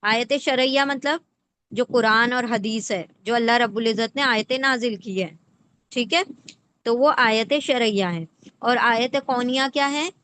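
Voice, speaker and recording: Slight background noise accompanies a woman whose fairly high-pitched voice has a sharp tone. She gives a patient Quran lesson word by word, breaking words into components and often checking in through rhetorical questions.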